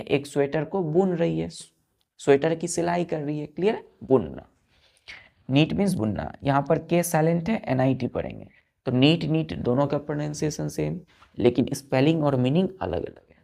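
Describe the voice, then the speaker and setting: A woman teacher with an Indian accent takes students slowly through English words. She spells each one out letter by letter and keeps asking if it is clear. Her voice is low, dark and gravelly. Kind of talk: classroom vocabulary lesson.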